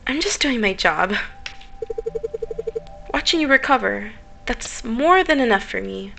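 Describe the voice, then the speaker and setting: A woman reading the lines of a kind, modest male doctor in a visual novel, gentle and reassuring. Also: fairly high pitch, lively intonation, a little slow, creaky, slight background noise, exaggerated voice. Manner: gentle and reassuring, read aloud plainly.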